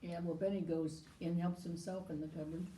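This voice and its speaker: A woman with a somewhat low voice hosts a cooking livestream with dry, teasing humor. She sits a little back from the microphone in an echoey kitchen, with faint noise behind her. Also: little pitch movement, brisk, mellow, distant mic. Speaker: cooking show host. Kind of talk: casual chat on a cooking livestream.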